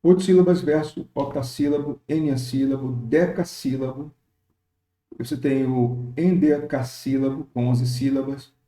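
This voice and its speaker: Dark-voiced man teaching in an echoey room. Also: medium pitch, steady tone. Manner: explanatory, frequent pauses and fillers, reads verse examples slowly. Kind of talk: recorded lecture on poetic meter.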